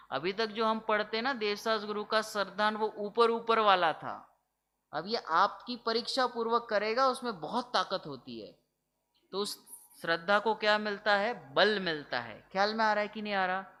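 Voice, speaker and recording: A man's voice: sits high, expressive, moderate pace, bright, forceful tone, slight background noise. A man teaching Jain scripture in a religious discourse, explaining step by step and often asking whether his listeners follow. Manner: keeps checking if listeners follow, asking rhetorical questions; explanatory, mixes English words into his talk. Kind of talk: religious discourse to a seated audience.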